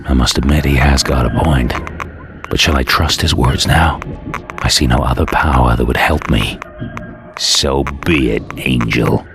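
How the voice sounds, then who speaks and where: In a first-person game cutscene, a very deep-voiced male antihero, damned, vengeful, bitter and doomed, recounts his fate at a measured pace. His delivery is scornful, brooding, intense and theatrical, over loud dramatic music.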